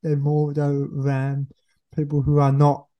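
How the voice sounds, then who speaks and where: Slow, halting young woman, lo-fi sound. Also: low-pitched, completely flat delivery. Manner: halting, searches for words with pauses and "uh". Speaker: podcast guest. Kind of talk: casual conversation. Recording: dull lo-fi recording.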